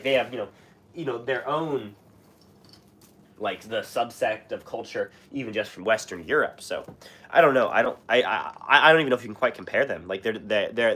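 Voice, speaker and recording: A young livestream host from Washington State, with a US West Coast accent and a somewhat low, slightly bright voice, chats casually while answering viewers. He's sick, coughing and clearing his throat, and rambles with fillers and restarts.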